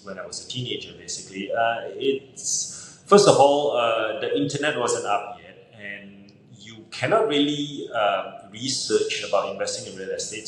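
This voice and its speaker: A man in his forties from Malaysia, a real estate broker answering interview questions in a measured, storytelling way. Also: medium pitch, a bit bright, roomy sound, rough recording. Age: 40s.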